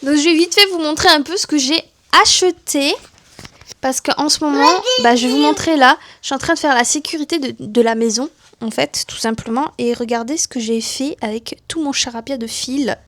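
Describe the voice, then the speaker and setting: Chatty high-voiced young mother vlogging. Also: normal speed, a bit bright, a little hiss or hum. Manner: chatty, searches for words, mixes in English terms. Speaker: family vlogger. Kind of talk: casual home vlog chat.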